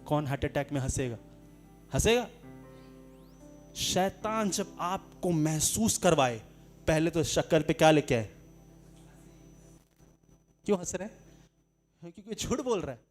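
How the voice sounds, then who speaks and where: Hindi-accented pastor man preaching, lively and loud then soft, soft music underneath. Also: on the high side, slow, long pauses. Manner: animated preaching with shouts and laughter. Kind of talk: sermon.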